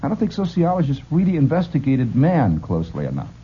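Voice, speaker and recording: Animated rambling male radio host. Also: medium pitch, quick pace, breathy edge. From Illinois. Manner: animated, laughing, full of restarts. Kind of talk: rambling storytelling. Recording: dull lo-fi radio recording.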